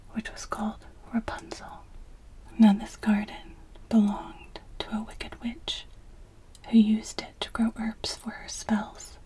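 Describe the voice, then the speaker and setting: A woman's voice: medium pitch, dark tone, low-quality recording. Woman whispering a fairytale close to your ear. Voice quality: breathy, unvoiced whisper. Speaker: storyteller. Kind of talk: whispered ASMR fairytale reading. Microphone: close ear-to-ear microphone.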